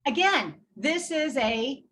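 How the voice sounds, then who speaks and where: Slow, bright-voiced woman telling a story. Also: sits high, expressive, low-quality recording. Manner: indignant, recounts exchanges in quoted dialogue. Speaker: patient advocate guest. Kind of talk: podcast storytelling.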